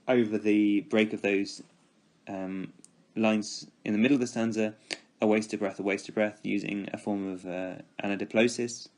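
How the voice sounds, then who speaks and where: A male teacher talking through a poem for his students, thoughtful and measured, pausing with ums and restarts, and giving quoted lines extra weight. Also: lowish voice. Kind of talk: spoken poetry analysis for students.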